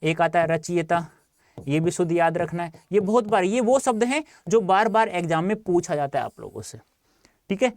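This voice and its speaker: A man's voice: high-pitched, expressive, moderate pace, darkish tone, no echo, studio quality. A male teacher giving an online exam-prep lesson, explaining step by step and calling his students dear children. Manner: explains step by step, asks and answers his own questions.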